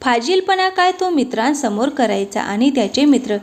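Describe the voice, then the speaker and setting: A woman narrating a family story aloud in a steady, expressive reading voice. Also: high voice, moderate pace.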